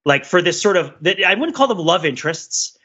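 A podcast co-host with a high-pitched, fairly quick, slightly rough voice rambles through a casual pop culture discussion. He tells stories animatedly, searching for words and frequently checking the listener is following, on lo-fi sound.

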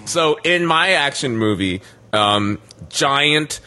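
A man's voice: a little high, lively intonation, slow pace, bright, forceful tone. A man on a podcast panel in casual chat, rambling and laughing through his own jokes.

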